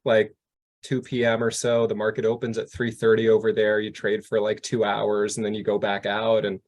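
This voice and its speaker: A man co-hosting a podcast, relaxed in casual chat and quick to agree. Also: fairly low pitch. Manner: easygoing, frequent short agreements. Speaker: podcast co-host.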